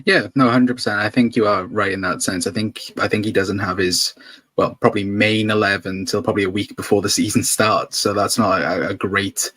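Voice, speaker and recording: Low-pitched man asking questions. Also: steady tone, fairly quick, fairly bright tone, husky, dry recording. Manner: hesitant, wordy questioning. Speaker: interviewer. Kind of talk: casual football interview.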